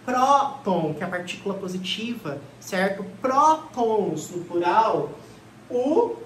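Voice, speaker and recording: A woman teacher giving an exam-prep grammar class, voice carrying from across an echoing classroom. She keeps posing questions to her students and answering them herself, with a lively, talkative rhythm. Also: medium pitch, a little slow, slight background noise. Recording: echoey room, voice from far off.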